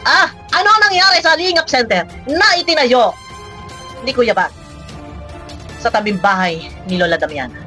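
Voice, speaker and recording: A woman vlogger with a high, bright voice delivers teasing reaction commentary. She scolds and mocks in a chatty way, often breaking into laughter. Faint music plays underneath. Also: animated, normal speed, pauses often.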